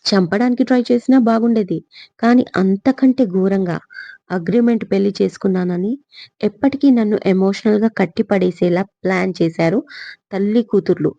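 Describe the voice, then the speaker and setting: Brief: woman narrator plays wounded young man, cutting tone, dark husky timbre, dull recording. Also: medium pitch, normal speed, no echo, lightly acted. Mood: bitter accusing. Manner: harsh, accusing. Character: angry young man confronting his scheming aunt.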